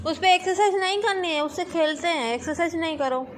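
A young woman narrating a casual family vlog, her voice high and bright, coaxing a small child as she films. She talks into a handheld phone outdoors, and the recording carries a steady hiss of background noise. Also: brisk. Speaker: family vlogger. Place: outdoor parking area and supermarket at night. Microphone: handheld phone camera. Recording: noisy phone video.

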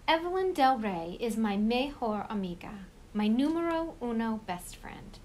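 A woman with a fairly high voice reads a children's picture book aloud, storytelling expressively at a slightly slow pace. There's a little hiss or hum in the recording.

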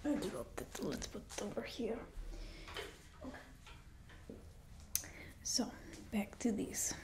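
Slow and sing-song, a medium-pitched woman's voice whispers into a close ASMR mic against a noisy background. The young creator is roleplaying a bossy female stylist to supervillains, using a put-on Russian accent for blunt, condescending remarks, in an indoor studio with a painted backdrop.

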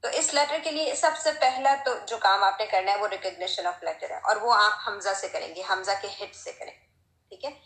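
A woman giving a recitation lesson, talking slowly and patiently and demonstrating sounds with a strong, breathy h. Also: mid-range voice, fairly bright tone, roomy sound, rough recording. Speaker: Quran recitation teacher. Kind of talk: Tajweed lesson.

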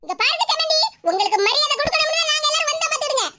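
An argumentative cartoon mother, voiced by a woman, high and piercing, defending her daughter in Tirunelveli Tamil. Loud noise fills the background. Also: lively intonation, very fast. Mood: indignant. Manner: indignant, argumentative. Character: defensive middle-aged mother of the bride.

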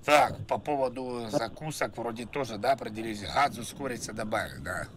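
A man's voice: medium pitch, fairly quick, a bit bright. A man making a prank call to order food, rambling and repeating himself with frequent tag questions. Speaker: prank caller and streamer. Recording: noisy background hiss and ambience.

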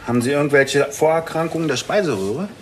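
An actor playing a composed, demanding surgeon in a TV drama, with a calm, authoritative manner. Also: male voice, a little high, fast talker, slight background noise, close to an everyday voice. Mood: calm, professional. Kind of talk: naturalistic TV hospital drama.

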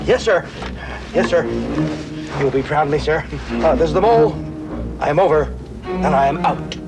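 A bumbling, eager-to-please henchman whose high, jumpy voice swings up and down as it comes through a walkie-talkie. He sounds flustered and keen, with film music under him. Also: lively intonation, normal speed, poor audio. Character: dim, eager male henchman spy on radio duty. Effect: heard over a walkie-talkie radio. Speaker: spy called the Mole. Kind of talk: 1990s comedy film acting.

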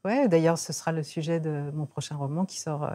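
Low-voiced reflective middle-aged woman. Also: fairly quick, warm tone. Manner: reflective, hesitant with frequent fillers. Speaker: singer and novelist guest. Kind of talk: radio interview chat.

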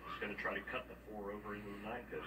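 A man's voice: on the low side, level tone, far from the mic, heavy background noise. Male TV commentator heard from across a room. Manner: quick, analytical. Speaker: sports commentator. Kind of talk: televised bowling commentary.

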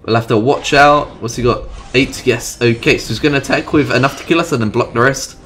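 A man giving chatty let's-play commentary, excitedly thinking aloud about his moves. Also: medium pitch, brisk, slight background noise. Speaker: gamer. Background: game music.

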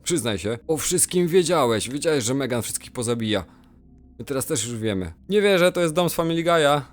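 A young man giving playful, excitable commentary while playing a game. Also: medium pitch, brisk, faint music behind. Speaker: gamer. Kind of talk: Roblox let's play commentary.

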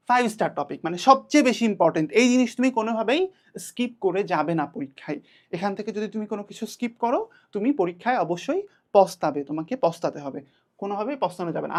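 Fast-talking young Bangladeshi woman teacher. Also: mid-range voice, a little mellow. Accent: Bangladeshi Bengali. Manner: direct, urgent, talks to students as peers. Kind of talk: exam-prep online lesson.

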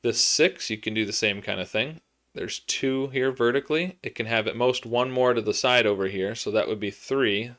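A man's voice: mid-range voice, normal speed, fairly bright tone. A man in his thirties hosting a puzzle tutorial, reasoning aloud step by step and counting cells, with frequent ums, recorded by a webcam at his desk in a small home room. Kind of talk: think-aloud puzzle walkthrough.

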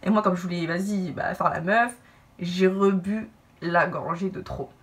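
A young woman telling a personal story to camera in a casual, animated way, acting out what others said. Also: fairly low pitch, a little slow, recorded from a distance. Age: young adult. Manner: animated, lively asides and acted-out quotes. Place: indoor room, brick wall behind.

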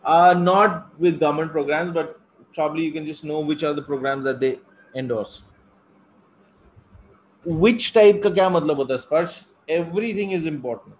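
A man's voice: a little high, fast talker, a little hiss or hum, low-quality recording. A middle-aged man with a North Indian accent, teaching a live online class conversationally and switching between English and Hindi. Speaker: test-prep teacher.

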